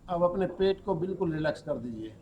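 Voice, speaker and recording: A man leading a guided yoga nidra relaxation as a yoga teacher, giving calm, slow instructions and mixing in English words. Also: fairly high pitch, lo-fi sound, slight background noise.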